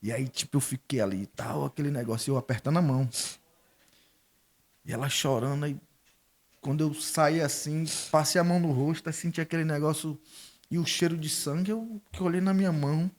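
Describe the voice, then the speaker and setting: A man's voice: fairly high pitch, a little fast. Middle-aged man giving a testimony. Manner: storytelling, acting out quoted dialogue. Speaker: guest. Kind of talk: emotional faith testimony.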